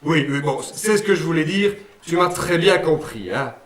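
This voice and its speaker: A man's voice: fairly high pitch, expressive, normal speed, a crowd in the background, close to an everyday voice. A man voicing a cheeky, naive working-class puppet man from Liège with a Liège accent, folksy and full of "hein", in a puppet radio play. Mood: chatty. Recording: roomy sound, mic at a distance.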